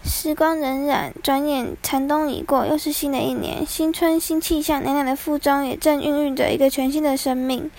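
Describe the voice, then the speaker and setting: A woman tells a traditional folk tale with a high voice. Her delivery is measured and deliberate. She takes her time over each line. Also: steady tone, darkish tone. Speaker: storyteller.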